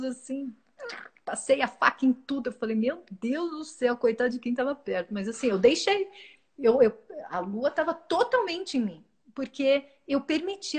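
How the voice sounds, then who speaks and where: A woman speaks as a guest in an earnest, reflective way. Her voice sits a little high, and she often breaks off and restarts words mid-phrase. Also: slightly rough. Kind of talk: reflective spiritual talk.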